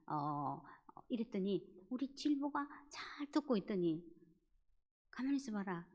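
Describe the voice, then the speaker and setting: A woman's voice: lowish voice, darkish tone. Woman storyteller in a reverberant church. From Korea. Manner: storytelling, acting out quoted dialogue and prayers. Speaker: church deaconess giving an evangelism talk. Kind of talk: testimony-style evangelism talk. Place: church sanctuary. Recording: church hall with long reverb.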